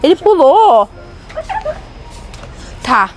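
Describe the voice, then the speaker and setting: A woman filming a casual vlog on her phone in a supermarket aisle, talking excitedly with playful mock alarm. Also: sits high, drawn-out words. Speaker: mother filming a family outing. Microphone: handheld phone camera. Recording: noisy store ambience.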